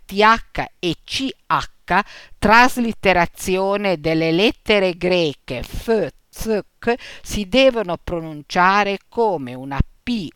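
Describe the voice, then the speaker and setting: A woman reading a lesson on Latin pronunciation, slow and deliberate, spelling out letters and example words. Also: mid-range voice, fairly bright tone, smooth, no room sound, studio quality. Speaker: teacher.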